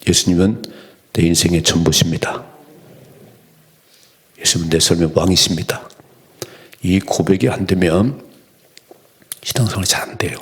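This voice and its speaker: A man's voice: low-pitched, steady tone, moderate pace, long pauses. A man preaching an early-morning prayer sermon as pastor, earnest, lifting his voice when he acts out quoted lines.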